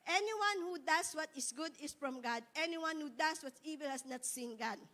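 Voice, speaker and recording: A woman's voice: high-pitched, moderate pace, a bit bright. A middle-aged woman pastor preaching a sermon, switching between Tagalog and English and often asking "di ba?" to the congregation. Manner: leads the congregation in repeating phrases.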